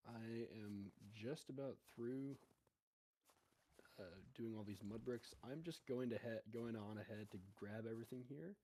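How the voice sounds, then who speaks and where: A man's voice: medium pitch, unhurried, mellow, slight background noise, low-quality recording. A man rambling in casual chat over online voice chat while gaming, his talk full of "like" and "you know". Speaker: co-host of a gaming stream.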